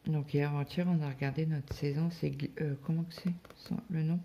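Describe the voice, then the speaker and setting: A woman from France talks casually to her viewers, rambling from story to story with plenty of hesitations. Her voice is gravelly and mellow, and she is still getting over a stomach bug. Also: sits low, steady tone, fairly quick. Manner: rambling, chatty storytelling with many fillers. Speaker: cross-stitch vlogger. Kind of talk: casual chat.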